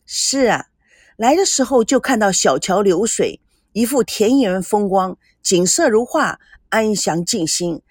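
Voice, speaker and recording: A woman voicing a calm, cultured young woman artist who speaks appreciatively. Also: mid-range voice, measured pace, slightly rough, no room sound, studio quality.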